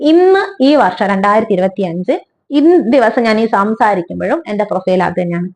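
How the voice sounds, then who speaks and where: A woman's voice: mid-range voice, fairly quick. A young woman, telling a personal story in a heartfelt, conversational way. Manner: heartfelt, conversational, animated retelling.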